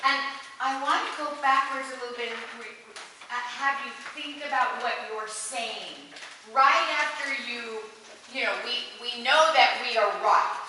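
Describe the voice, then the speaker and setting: A woman's voice: a little high, a little slow. A woman directing a women's chorus rehearsal, encouraging and repetitive, often stumbling over her words. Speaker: choir director. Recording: echoey hall, voice from far off, noisy.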